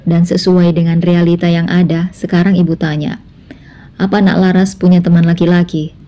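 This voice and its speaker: A woman's voice: on the low side, level tone, normal speed, warm tone, natural voice. A woman voicing a scheming middle-aged mother who coaxes and insinuates in a spoken drama story. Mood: insinuating.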